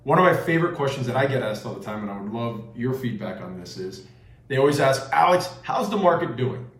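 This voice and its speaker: A man's voice: mid-range voice, fast. Man hosting an interview, echoey room. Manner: affirming, recaps answers back. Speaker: interview show host. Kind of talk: conversational interviewing.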